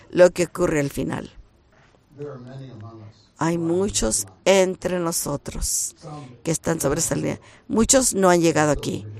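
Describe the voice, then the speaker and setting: A man preaching a sermon, talking in a shy, halting way that rises into emphatic bursts. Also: on the high side, gravelly.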